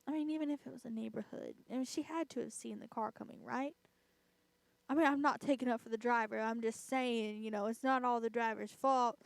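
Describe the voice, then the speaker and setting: A woman's voice: on the high side, gravelly, dry recording. A woman vlogger chatting casually, rambling and filling her talk with "I mean" and self-mocking laughs. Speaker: vlogger and host. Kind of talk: casual chat.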